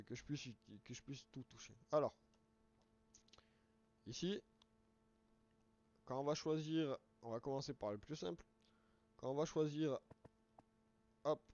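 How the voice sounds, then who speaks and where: A hoarse, mellow-voiced man chats through a live game stream, walking viewers through things step by step. He rambles and trips over words now and then. The sound is dull and lo-fi. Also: medium pitch.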